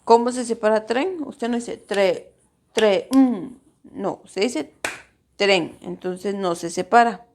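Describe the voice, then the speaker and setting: A woman's voice: a little high, expressive, unhurried, darkish tone, a little hiss or hum. A woman teacher explaining a grammar lesson to her pupils, patiently stretching out syllables to show where the stress falls. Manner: addresses pupils directly.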